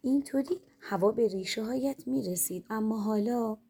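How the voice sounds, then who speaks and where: A woman voicing a wise, gentle butterfly who explains things patiently. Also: a little high, gravelly, husky. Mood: explaining.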